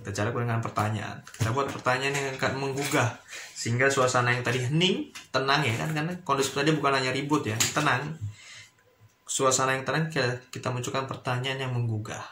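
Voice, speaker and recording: A man's voice: mid-range voice, brisk. A man, a university lecturer, talking casually in a teaching vlog with lots of fillers. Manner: chatty, explanatory, with frequent fillers. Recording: echoey room with noise.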